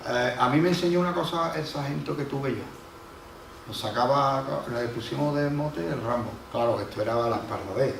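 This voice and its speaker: A man's voice: medium pitch, moderate pace, creaky, a little hiss or hum. A man preaching a sermon as pastor, telling folksy stories and acting out the voices he quotes. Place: church hall. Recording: echoey hall from a distant mic.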